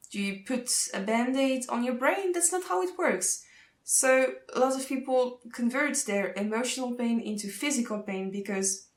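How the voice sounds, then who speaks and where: A young Swiss social work student whose first language is French speaks English with a Swiss French accent, earnestly explaining a topic in an informational vlog. Her voice is a little high and reverberant, and she pauses to find words.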